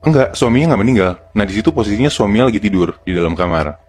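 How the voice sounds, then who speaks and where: A man's voice: fairly low pitch, animated, rapid-fire, a little mellow. A man with a Jakarta accent telling a horror story to friends in casual, colloquial steps. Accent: Jakarta Indonesian. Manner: colloquial, step-by-step narration. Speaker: podcast storyteller.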